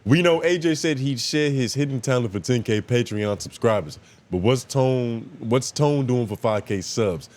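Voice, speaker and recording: A man's voice: medium pitch, moderate pace, darkish tone. A man co-hosting a casual podcast, making dry joking asides. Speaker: podcast co-host. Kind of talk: casual chat.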